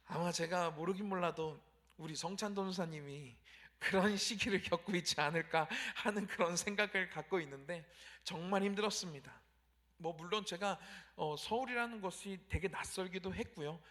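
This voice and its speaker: A man's voice: high-pitched, moderate pace, fairly bright tone. A young male pastor preaching a Sunday evening sermon. He keeps turning to address the congregation and acts out pleading prayers in a raised voice.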